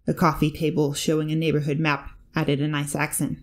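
A woman narrating a fanfic audiobook in a steady, even reading voice. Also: sits low, fairly quick. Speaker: fanfic reader.

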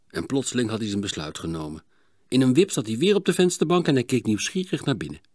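A man narrates a children's storybook in an expressive, varied way, his pitch moving a lot from line to line. The recording is dry and close, an audiobook read with no room around it. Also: no echo.

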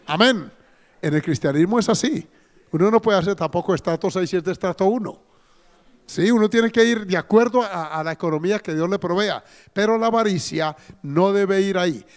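A man's voice: high-pitched, big-room sound. A man with a Colombian accent preaching a sermon as pastor. He speaks in a folksy way, puts questions to the congregation and often says "amén" and "gloria al Señor". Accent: Colombian Spanish. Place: church hall.

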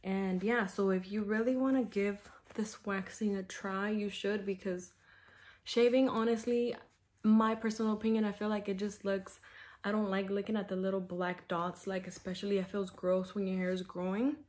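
Young woman, casual vlog chat, frank and chatty, camera mic at home, mid-pitched voice. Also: little pitch movement, normal speed, a little mellow. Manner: chatty, filler-heavy, frank. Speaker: vlogger.

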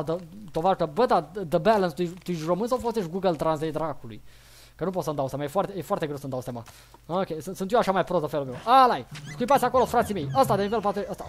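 A young man with a high voice streams a game live, loudly cheering his own moves and jeering at opponents in quick, excitable bursts. His commentary is casual and full of exclamations, and a faint noise runs beneath it. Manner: loud, excitable, frequent exclamations and playful taunts. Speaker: gaming livestreamer.

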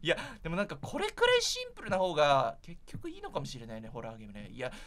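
A man's voice: a little high, wildly swooping pitch, fast, a bit bright. A man doing casual, chatty gameplay commentary for viewers, sounding jittery as he goes. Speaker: gaming streamer.

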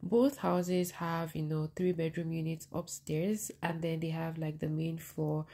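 A woman with a lowish, mellow voice talks through a house tour in a relaxed, chatty way. She keeps slipping in "you know" as she explains the rooms. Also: unhurried, creaky. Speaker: vlogger giving rental house tours. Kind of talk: casual voice-over for a house tour.

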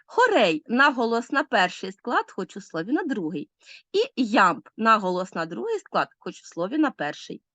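Lively Ukrainian woman teaching a class. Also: mid-range voice, moderate pace, no room sound. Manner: explains step by step, addresses pupils directly. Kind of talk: literature lesson.

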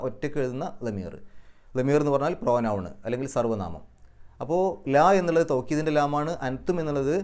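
Clear-voiced man teaching Quran grammar. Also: a little high, darkish tone. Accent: Malayali. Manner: patient step-by-step explanation, chanting verses slowly. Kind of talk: explaining recitation rules and grammar.

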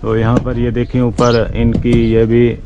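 A Pakistani man hosts a village tour, interviewing locals with short, friendly questions while filming outdoors on a camera he holds himself. His medium-pitched voice is monotone and a little slow. The audio sounds dull, and the background is noisy.

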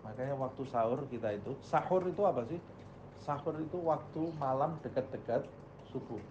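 A man's voice: medium pitch, brisk, muffled recording, noisy background. A male Islamic teacher giving a religious study lecture, posing questions to the audience and answering them himself.

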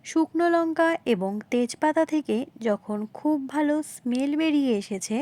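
Narrating a home cooking recipe, a woman hosting her own video speaks in a high, warm, expressive voice at a moderate pace. She addresses viewers directly, explaining things courteously and going over them more than once.

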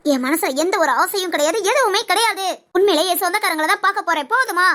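A woman's voice: very high-pitched, fast talker, sharp tone. A woman voicing a proud, hurt, unmarried older woman in an audio story, talking sharply and defensively. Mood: angry. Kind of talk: audio story role-play.

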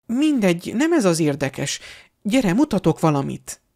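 An eager, bossy teenage schoolgirl witch in a storybook reading, as a man puts her on. She presses her point with impatient insistence, her voice pitched high and jumping about. The reading stays plain and unhurried in between. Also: sing-song, darkish tone. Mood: eager, insistent. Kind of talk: fan audiobook character voice.

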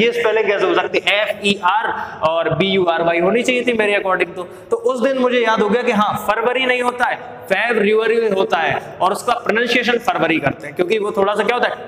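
A man's voice: sits high, fairly bright tone. A young Indian man teaching spelling tricks in a casual spoken lesson, often asking his own questions and then answering them. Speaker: exam coaching teacher. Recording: echoey room with long reverb.

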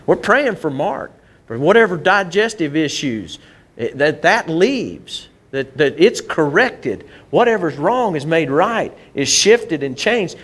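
A man preaching a sermon in church. His voice sits a little high for a man, and he talks in a loose, conversational way, repeating and restarting his words as he works through his points. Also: sing-song, slow pace, fairly bright tone. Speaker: pastor.

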